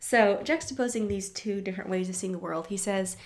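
A woman presenting a book discussion, reading passages aloud and explaining them in a thoughtful, measured way with asides and fillers. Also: medium pitch.

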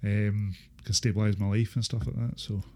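A Scottish man in his thirties recalling his life in a casual interview, speaking haltingly with repeated filler phrases. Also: lowish voice, little pitch movement, a little mellow. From Inverness, Scotland. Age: 30s. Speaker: interview guest, former supported-housing tenant. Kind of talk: casual interview, personal recollection.

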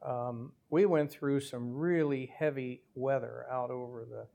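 An older man, a former airline captain, telling his story in an interview at a measured pace with small hesitations. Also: mid-range voice, steady tone, vocal fry, warm tone. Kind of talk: conversational storytelling.

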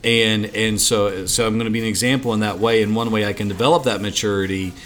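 A man's voice: on the low side, fairly even intonation, fast talker, fairly bright tone, slight background noise. A man hosting a ministry podcast in casual chat, rambling and repeating words as he restarts his thoughts. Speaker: podcast host for ministry assistants.

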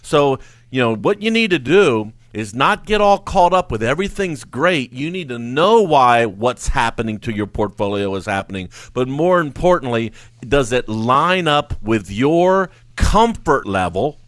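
A man hosting a radio finance show, talking in a casual, animated way and laughing often. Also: mid-range voice, a little slow, dry recording. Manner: animated, laughs often, mocks carefree investors in a sing-song voice. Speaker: financial adviser radio host. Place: radio studio. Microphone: studio mic.

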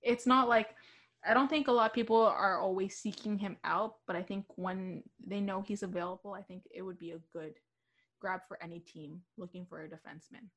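A young woman co-hosting a hockey radio show, chatting casually with many fillers and quick laughs. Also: medium pitch, fairly bright tone. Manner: chatty, giggly, with fillers and restarts. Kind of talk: casual sports chat.

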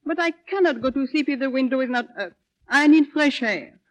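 A woman's voice: high voice, a little fast, natural voice. An actress playing a feisty, fussy young woman, teasing and blunt in an old film comedy style. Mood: demanding. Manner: theatrical, blunt, teasing, complaining.

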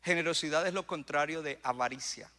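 A male pastor preaching a sermon, surging into loud emphatic bursts and calling out to the congregation. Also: on the high side, fairly quick. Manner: preaching with rising bursts of emphasis and audience call-outs. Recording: long hall reverb.

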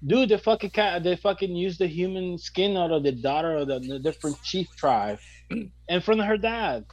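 A man's voice: sits high, expressive, normal speed, no echo, muffled recording. A man from El Salvador in a casual podcast chat, laid-back and swearing often, with "dude" in many lines.

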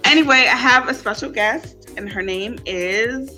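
A woman hosting a casual after-hours chat show in a playful, unfiltered way, often quick to laugh. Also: on the high side, sharp tone, faint music behind. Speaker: talk show host.

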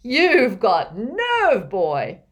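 A woman voicing a jovial, portly older male potions teacher with a hearty, booming manner. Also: big pitch swings, unhurried.

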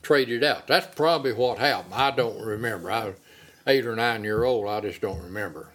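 A man's voice: fairly low pitch, moderate pace, fairly bright tone. An older man with an Appalachian accent reminiscing casually in an interview, with folksy rural phrasing. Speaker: interviewee recalling childhood. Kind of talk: casual oral-history reminiscence.

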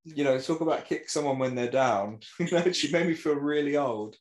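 A man in his forties co-hosting a podcast, talking haltingly with many fillers. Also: on the high side, echoey room, rough recording. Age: 40s. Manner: halting, full of fillers and restarts. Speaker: podcast co-host. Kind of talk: casual podcast chat.

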